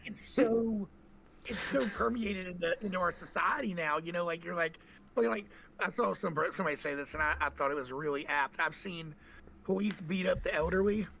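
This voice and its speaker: Creaky-voiced young man ranting profanely. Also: sits high, normal speed, sharp tone, slight background noise. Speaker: podcast co-host. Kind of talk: casual chat.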